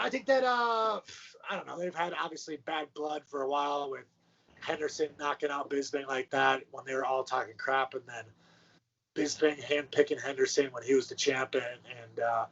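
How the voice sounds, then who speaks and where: A man's voice: medium pitch, steady tone, normal speed, vocal fry, a bit bright. A man co-hosting a sports podcast, talking in a laid-back, casual way with plenty of fillers. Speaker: podcast co-host. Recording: muffled lo-fi audio.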